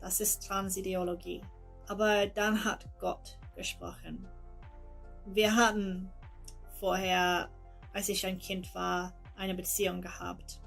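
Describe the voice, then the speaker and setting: A young Englishwoman giving a recorded personal testimony, her voice gravelly and held to a flat, narrow pitch. She speaks very slowly, with careful pauses, in an English accent shaped by her first language. Soft music plays faintly behind her. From England. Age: 20s. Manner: slow, halting, careful speech with pauses.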